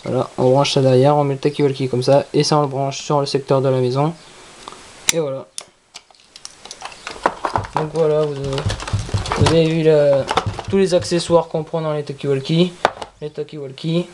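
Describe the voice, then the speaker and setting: A product reviewer talking casually through an unboxing in a halting, repetitive way. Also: mid-range voice, flat delivery. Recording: clearly noisy with handling clicks.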